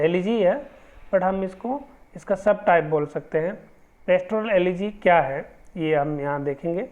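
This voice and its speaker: A man giving an exam-prep literature lesson, explaining step by step and reading English definitions slowly. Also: high voice, a little mellow. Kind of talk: exam-prep lecture in Hindi mixed with English. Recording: tinny phone-like lo-fi audio.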